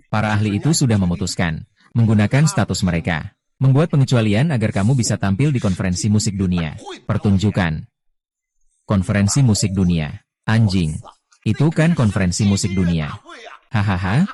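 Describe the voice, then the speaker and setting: A man reading all the parts of a dubbed drama in a flat, unhurried way. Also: lowish voice.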